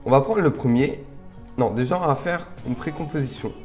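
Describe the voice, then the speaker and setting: A man hosting a casual software tutorial, relaxed and a little rambling as he explains each step. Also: mid-range voice, a little fast, music in the background. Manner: relaxed, chatty, slightly rambling. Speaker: video tutorial host.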